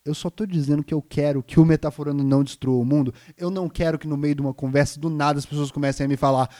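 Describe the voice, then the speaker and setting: A man's voice: a little high, steady tone, fast, dry recording, studio quality. Mock-outraged young male podcast host. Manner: exaggerated, mock-outraged, shifts between loud and mumbled. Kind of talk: comedic rant on a live stream.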